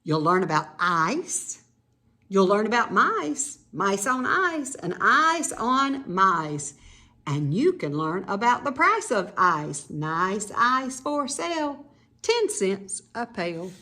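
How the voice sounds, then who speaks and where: This woman, mid-range in voice, reads a picture book to children at a slow pace. Her style is expressive and teacherly, with informal asides explaining things to her young audience.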